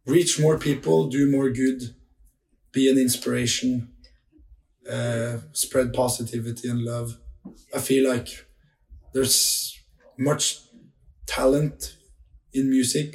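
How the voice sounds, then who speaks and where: Flat-voiced Norwegian man. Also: mid-range voice, reverberant. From Norway. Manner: loose storytelling with many "like" fillers and restarts. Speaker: interviewed music artist. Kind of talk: casual interview answers.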